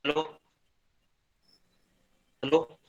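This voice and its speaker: A man giving a talk over an online call whose voice cuts out on a bad network connection, speaking slowly and haltingly with many fillers. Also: muffled recording. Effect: breaking up over a bad network connection. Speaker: invited guest speaker.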